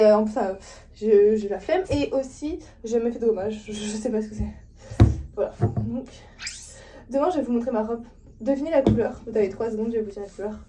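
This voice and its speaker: A woman's voice: a little high, dark tone, a little hiss or hum. Chatty young woman vlogging at home. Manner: chatty, rambling, many fillers and asides to viewers. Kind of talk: casual vlog chat to viewers. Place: home, indoors.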